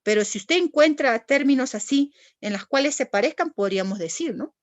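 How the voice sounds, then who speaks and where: Lady teacher lecturing her class, high voice, dull dry recording. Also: lively intonation, brisk, no echo. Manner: patient, asks the class questions and answers them herself.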